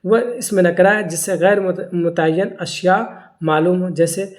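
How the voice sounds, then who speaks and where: A grammar teacher, giving a lecture in which they keep asking rhetorical questions, answering them and repeating key terms slowly. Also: medium pitch, steady tone. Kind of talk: classroom-style grammar lecture.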